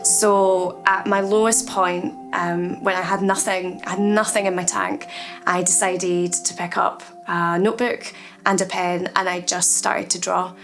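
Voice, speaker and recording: Softly and unhurriedly, a Scottish artist in her thirties from Edinburgh reflects candidly in a documentary interview. Her voice is fairly low with little pitch movement, and faint music plays behind her.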